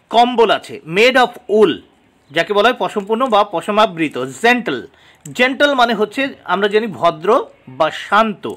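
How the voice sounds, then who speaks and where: A man with a Bengali accent teaching a lesson, explaining words one at a time with frequent hesitant pauses. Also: high voice, bright, forceful tone. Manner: explains word by word, with many "uh" pauses.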